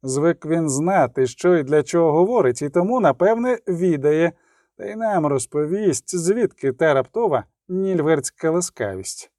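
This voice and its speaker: A man's voice: a little high, expressive, normal speed, dark tone, dry recording, studio quality, natural voice. A man voicing a stern, commanding male outlaw leader in an audiobook. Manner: restraining, commanding.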